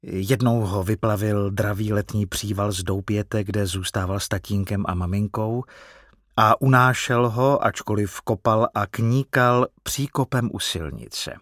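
A man narrating a storybook in an expressive, animated reading. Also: fairly low pitch, no room sound, studio quality.

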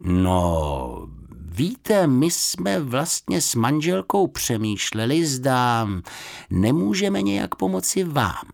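A man playing an insistent, slightly flustered middle-aged husband in an audiobook, speaking slowly and deliberately. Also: mid-range voice, big pitch swings, creaky, voice pushed up.

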